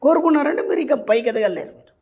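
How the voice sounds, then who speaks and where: A man's voice: very high voice, expressive, racing, darkish tone. A man giving a motivational spiritual talk as a teacher and counselor. He lectures directly and keeps asking whether his listeners understand. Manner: lecturing, often checks for understanding with repeated questions; gives direct instructions to listeners.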